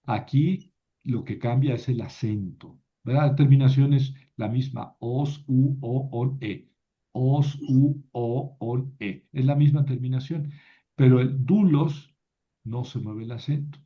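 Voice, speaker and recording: A man's voice: medium pitch, slow, lo-fi sound. A man teaching a Biblical Greek class online, explaining patiently step by step and often checking with "¿verdad?".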